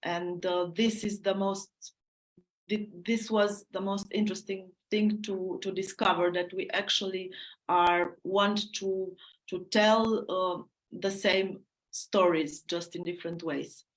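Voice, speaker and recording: This is a woman answering on a panel in English. Her voice sits in a mid pitch. She speaks hesitantly and often repeats herself. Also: fairly even intonation, slow, rough recording. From Romania. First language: Romanian. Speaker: playwright.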